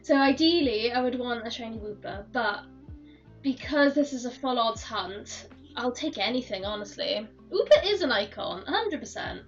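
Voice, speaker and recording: A woman streaming a game, chatting in a rambling way with frequent laughs while her voice is hoarse and croaky. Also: fairly high pitch, lively intonation, normal speed, faint music behind. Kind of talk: casual chat while gaming. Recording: dull, slightly distant mic.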